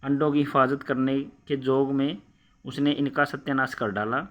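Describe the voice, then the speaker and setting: A man's voice: medium pitch, level tone, normal speed, fairly bright tone, lo-fi sound. A man teaching schoolchildren, reading a story line by line and explaining each part again in simple words. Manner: reads a line, then re-explains it in simple words with many fillers. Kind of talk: explaining a story lesson to children.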